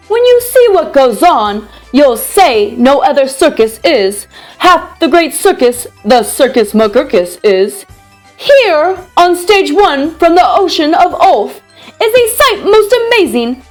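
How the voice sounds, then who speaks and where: A woman voices an eager young boy from a rhyming storybook, boasting like a circus showman. Her exaggerated voice is high and hugely animated in pitch, and she delivers lines slowly, emphatically and in a singsong way over music, on a rough recording.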